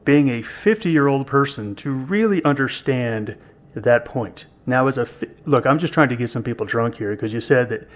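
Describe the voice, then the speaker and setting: A man's voice: mid-range voice, animated, moderate pace. A man in his fifties co-hosting a podcast in casual chat, joking and poking fun at himself. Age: 50s. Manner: self-deprecating, joking. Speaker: podcast co-host.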